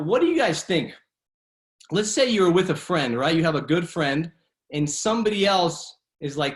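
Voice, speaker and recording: A man coaching a children's martial arts class in a casual, encouraging way, often checking in with a tagged "right?". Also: a little high. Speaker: kids' martial arts instructor. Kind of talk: upbeat class coaching and discussion. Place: online video class run from home.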